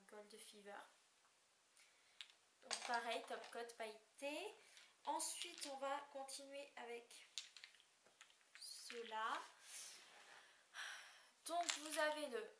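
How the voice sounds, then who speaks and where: Young girl doing a haul vid, talks slow with lots of ums, kinda high voice, echoey room w faint hiss. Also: a bit bright. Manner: hesitant, many fillers, apologetic about describing colors. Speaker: beauty vlogger. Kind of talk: casual haul video.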